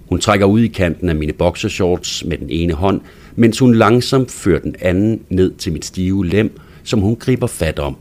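A man reading a first-person story aloud in a hushed, intimate manner that sometimes drops to a whisper. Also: sits low, a little hiss or hum. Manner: hushed, intimate delivery, dropping to a whisper at times. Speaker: narrator.

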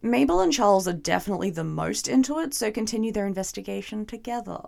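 A young woman with a hoarse, gravelly voice recaps and reviews a TV episode in a chatty, wry, playfully sarcastic way. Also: medium pitch, animated, fast, a little mellow.

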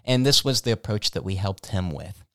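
A man's voice: on the low side, expressive, moderate pace, sharp tone, dry recording, studio quality. A man co-hosting a chat show, explaining dog training in an enthusiastic, storytelling way.

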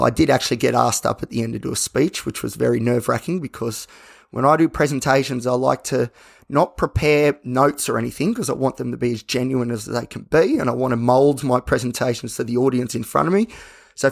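Speaking at an average pitch, this solo Australian podcaster sounds a little croaky and uses a lot of fry. His talk is candid and meandering, and he keeps stopping to correct himself.

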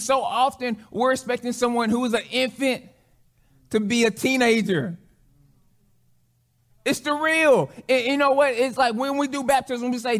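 A man's voice: very high-pitched, fairly bright tone. A man, a pastor, preaching a sermon in a conversational way, often restarting phrases and acting out quotes.

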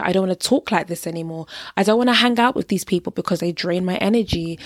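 A woman's voice: fairly low pitch, no room sound, studio quality. A woman hosting a faith-based podcast, talking earnestly and affectionately to her listeners in a preacherly way. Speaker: podcast host. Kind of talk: faith-based encouragement talk.

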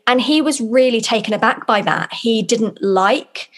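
A young British woman co-hosts a podcast in a fairly high voice, speaking a little slowly. She chats casually and tells stories in a loose, rambling, conversational way.

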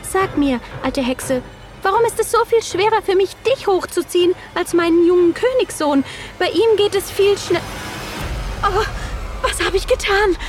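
A woman voicing an anxious, lovestruck young princess in a storybook reading, with high, eager, pleading lines over background music. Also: lively intonation, normal speed. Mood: chatty.

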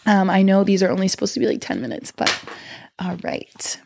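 A woman's voice: mid-range voice, big pitch swings, racing, gravelly, noisy background. A woman hosting a solo podcast, talking in a casual, rambling, slangy way with playful affection toward her listeners. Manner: affectionate, playful, addresses listeners as babe and baby; informal, slangy, self-interrupting. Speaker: podcast host.

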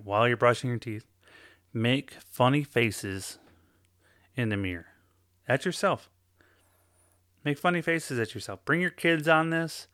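A man giving a slow guided self-help talk, coaching listeners step by step and often checking in with "okay?". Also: mid-range voice, bright, forceful tone, dry recording, studio quality.

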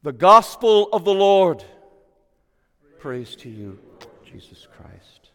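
Reading the gospel and then preaching, a middle-aged priest uses a high voice at a slow pace. His delivery is lively and sing-song, climbing on quoted lines, and a long echo fills the large church.

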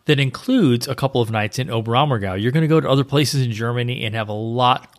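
A man's voice: mid-range voice, fast. A man co-hosting a travel podcast, chatting casually and informatively about destinations. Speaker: podcast co-host, travel agent.

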